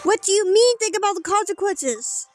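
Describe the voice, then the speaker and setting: A woman's voice: very high-pitched, expressive, moderate pace, soft background music, pitched above the performer's own voice. A woman voicing an angry, wounded game character who confronts family in a dramatic, accusing manner. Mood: angry, challenging.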